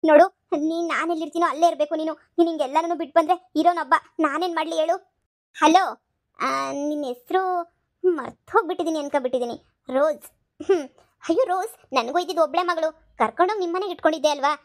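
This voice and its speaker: A woman voicing a scheming, sharp-tongued middle-aged mother-in-law who scolds and taunts. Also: very high voice, fast. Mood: scolding. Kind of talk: cartoon comedy voice acting.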